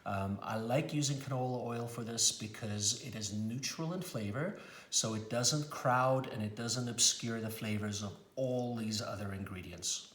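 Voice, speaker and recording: A man's voice: medium pitch, measured pace, fairly bright tone, roomy sound. A middle-aged man from South Africa, a chef, explains a cooking recipe step by step in a friendly way with frequent fillers, in a kitchen. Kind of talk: cooking demonstration.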